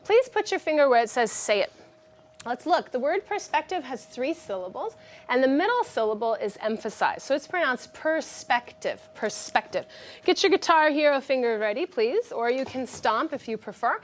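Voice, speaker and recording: A woman with a high, light voice teaches a vocabulary lesson in a classroom. She speaks clearly and directively, guiding students step by step and praising them often. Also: expressive, normal speed, a little hiss or hum.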